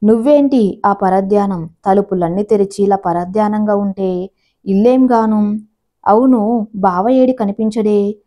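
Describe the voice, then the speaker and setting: A woman's voice: mid-range voice, a little slow, dark tone, lightly acted. A woman voicing a kindly older brother who talks in a mild, matter-of-fact way.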